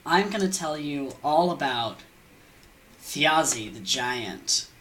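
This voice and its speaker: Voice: mid-range voice, lively intonation, slow, fairly bright tone, a little hiss or hum. A young adult game streamer and storyteller with a sniffly cold, rambling casually in a scatterbrained, self-deprecating and informal way. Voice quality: congested.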